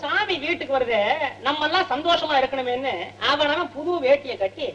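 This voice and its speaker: A man's voice: very high voice, bright, forceful tone, muffled recording. An actor playing a wisecracking, poor male tour guide, bantering in a film comedy. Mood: cheeky. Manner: joking, rapid banter. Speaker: tourist guide.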